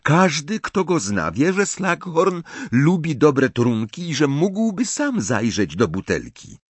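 A know-it-all teenage girl who lays out her reasoning point by point, her voice raised and a little stuffy, as a man puts her on. Her pitch swings lively up and down, close and dry. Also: takes it slowly, slightly rough, dry recording, full character voice. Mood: sharp. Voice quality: stuffy, slightly nasal. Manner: explains point by point. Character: clever bossy teenage girl, precise.

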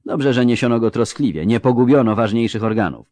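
A man voicing a male halfling field surgeon who gives orders with dry, mocking, clinical calm. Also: mid-range voice, brisk, no room sound, pitched above the performer's own voice, natural voice. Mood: brisk, sardonic.

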